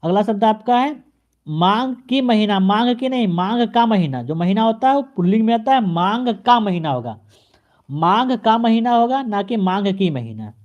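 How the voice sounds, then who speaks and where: A male teacher giving an exam-prep grammar lesson, addressing the viewer and repeating each correction in a steady drilling pattern. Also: sits high, normal speed, muffled recording. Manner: speaks straight to the viewer.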